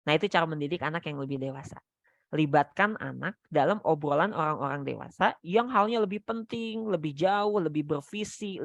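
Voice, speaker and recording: A male Islamic preacher giving a parenting talk and answering audience questions, lively and playing out little scenes with a child as he talks. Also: fairly high pitch, creaky, no room sound, clean studio sound. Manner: lively, mixes in English words, acts out scenes with a child, often adds "gitu ya".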